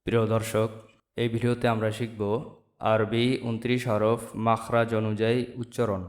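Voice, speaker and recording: A man from Bangladesh teaching the Arabic letters in a slow lesson, saying each sound and repeating it for viewers. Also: on the low side, little pitch movement. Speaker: Quran teacher. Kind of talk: slow step-by-step alphabet lesson.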